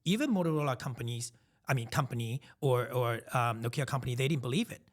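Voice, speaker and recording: A man's voice: mid-range voice, fast talker. Reflective man talking business on a podcast. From Taiwan. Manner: reflective, emphatic storytelling with frequent restarts. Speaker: podcast co-host. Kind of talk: casual podcast chat.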